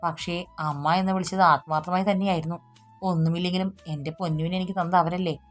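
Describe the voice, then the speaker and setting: Brief: woman doing a patient young man, soft and earnest, lowish voice, storybook. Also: fast talker, soft background music, lightly acted. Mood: earnest calm. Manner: calm, earnest, soothing.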